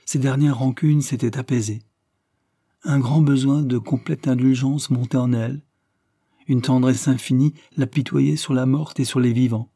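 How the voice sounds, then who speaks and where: A man reading a literary short story aloud as an audiobook narrator, in a measured, even storytelling manner on a close mic. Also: mid-range voice, no echo.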